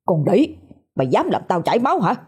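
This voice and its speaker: A spoiled, brutal young man snarls and yells in a strained high voice, performed by a woman storyteller. The delivery is rushed and husky, with a dark, breathy color. It is a spoken horror story read over faint music. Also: sing-song. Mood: raging. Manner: snarling, shouting.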